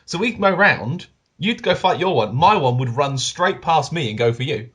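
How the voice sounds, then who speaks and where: A man co-hosting a podcast, telling a gaming story in animated fashion and acting out the quotes in casual chat. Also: a little high, moderate pace, husky. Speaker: podcast co-host.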